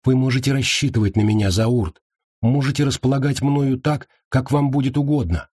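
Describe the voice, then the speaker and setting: A man's voice: medium pitch, normal speed, darkish tone, breathy edge, no room sound, clean studio sound, pitched above the performer's own voice, lightly acted. A man reading an audiobook voices a devoted young woman who eagerly pledges her loyalty.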